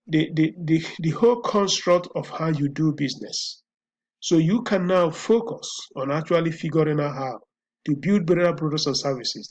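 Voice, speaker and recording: Hosting a commentary show on his own, this Nigerian-accented man talks through his thoughts with lots of repeats and restarts. His voice is on the high side and slightly rough.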